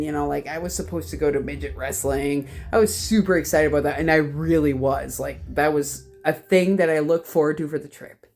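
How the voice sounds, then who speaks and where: A young Canadian woman telling a rambling, profane convention story in a casual vlog, a little tipsy from whiskey. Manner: rambling, profane, animated jumps in pitch. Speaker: vlogger, horror collector.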